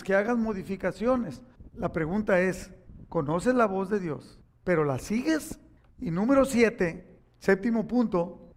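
A middle-aged man, preaching a sermon as a pastor, telling stories and acting out the voices in them before rising to emphatic appeals. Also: sits high. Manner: storytelling preacher, acts out quoted voices, rising to emphatic exhortation.

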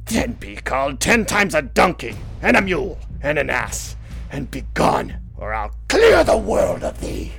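A man's voice: mid-range voice, normal speed, lightly acted. A man voicing a vengeful, domineering old sea captain in a dramatic novel reading, with grandiose, archaic seafaring speech. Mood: furious.

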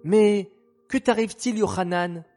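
A gentle, curious little girl asks her brother what is wrong, as a man voices her. Her voice is raised and questioning. Faint music plays underneath. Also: high-pitched, a little slow, voice pushed up. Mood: concerned. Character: caring little sister, curious and proud.

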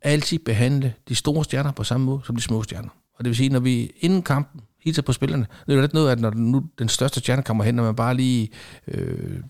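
Guest, middle-aged man, gravelly voice, ex-referee telling stories with acted-out quotes. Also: mid-range voice, few pauses. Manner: animated storyteller acting out quoted exchanges. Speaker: former football referee, guest. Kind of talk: conversational anecdote telling.

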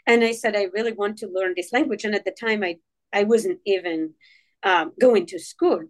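Moroccan-born woman guest, Tamazight first language, halting with lots of ums. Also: mid-range voice. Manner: hesitant, many fillers and restarts. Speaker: podcast guest. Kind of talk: casual interview talk.

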